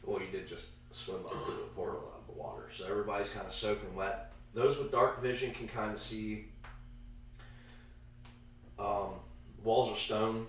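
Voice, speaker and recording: Gravelly, low-voiced man in an echoey room. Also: fairly even intonation. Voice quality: gravelly, congested from allergies. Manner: casual, halting. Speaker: game master. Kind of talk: narrating a tabletop role-playing game. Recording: echoey room, far from mic, faint noise.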